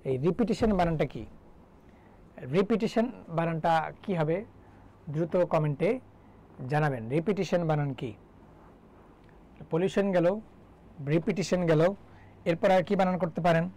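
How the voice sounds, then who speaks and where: A man's voice: a little high, unhurried, long pauses, warm tone, poor audio. A young man from Bangladesh teaching English grammar in a live online class, chatty and joking as he quizzes students. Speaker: English tutor.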